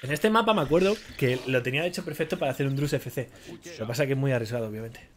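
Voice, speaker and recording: A man's voice: medium pitch, racing. A man with a Spain Spanish accent giving casual, slangy live commentary as he streams a ranked strategy game and talks to his viewers. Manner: chatty, slangy, talks to viewers while playing.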